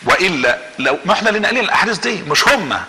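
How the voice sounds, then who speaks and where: A man with an Egyptian accent telling a religious story as a guest, acting out the quoted speech of the people in it with lively energy. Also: sits high, racing, in a large hall.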